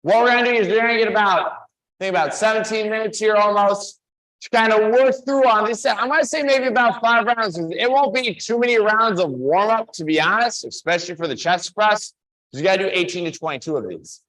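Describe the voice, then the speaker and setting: A man's voice: high-pitched, a little fast, fairly bright tone, rough recording. A man coaching a remote workout class, explaining the exercises in a casual, instructive way. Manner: casual, instructive, loose filler phrasing. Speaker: fitness coach.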